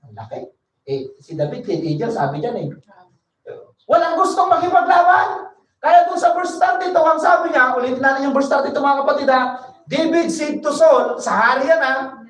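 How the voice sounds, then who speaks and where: A woman preaching a Bible study sermon. She reads verses slowly and then explains them in a conversational way. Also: high-pitched, expressive. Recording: echoey room, voice from a distance.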